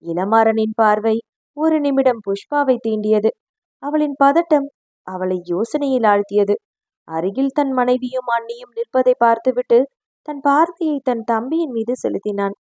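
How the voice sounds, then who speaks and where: A woman narrating a novel aloud in a steady, expressive storytelling voice. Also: on the high side, a little slow, no room sound. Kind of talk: dramatic audiobook narration.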